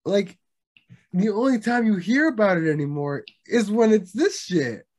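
A young man chats casually about video games, rambling, restarting his sentences and swearing freely. His voice sits a little high for a man. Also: expressive, measured pace, darkish tone. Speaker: podcast co-host. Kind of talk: casual gaming chat.

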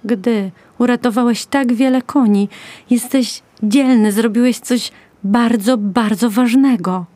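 Gentle young mare pleading softly, as a woman puts her on, slow warm storybook read. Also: on the high side, no echo, natural voice. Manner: pleading, tender.

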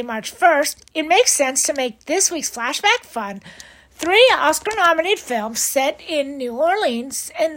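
A woman's voice: high voice, fairly bright tone, low-quality recording. A woman hosting an entertainment news podcast, reading a script in an upbeat, playful way. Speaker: host.

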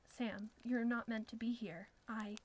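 A woman's voice: a little high, fairly even intonation, a little slow. A woman voicing a terrified, pleading wife. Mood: defiant. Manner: pleading, breathy whispers. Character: terrified young woman escaping her abuser.

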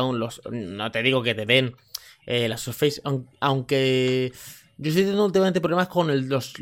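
A man talks in a casual podcast chat. His voice is mid-pitched. He runs his words together, trips over them and swears casually. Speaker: podcast host, tech reviewer.

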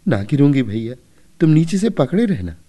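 A man voicing a tearful, pleading little girl with a shrill, whiny voice in a storybook reading. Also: very animated, moderate pace, mellow.

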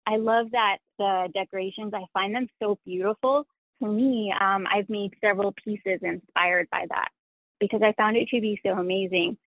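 This interview guest is a sewing content creator whose native language is Spanish, heard on a thin, dry phone connection. Her mid-range voice keeps a fairly even intonation at a normal pace with no echo, and her tone is sincere, thoughtful and hard on herself.

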